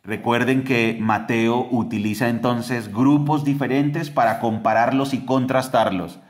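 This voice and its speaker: A man, co-hosting a podcast and giving an animated Bible teaching. He keeps asking the listeners rhetorical questions. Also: a little slow. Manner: animated, acts out quoted voices with big pitch jumps.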